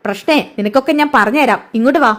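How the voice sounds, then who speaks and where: A woman voicing an angry young man who shouts orders at his family while retelling a TV serial. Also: on the high side, very fast, lightly acted. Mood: angry commanding. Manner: shouting, commanding.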